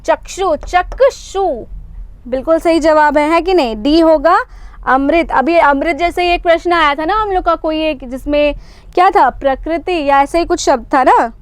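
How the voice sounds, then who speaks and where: A young woman leads a live online exam-prep class in a very high voice. She explains patiently, repeats key points and keeps asking the viewers to confirm. The sound is dry and close. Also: moderate pace, no echo. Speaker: teacher.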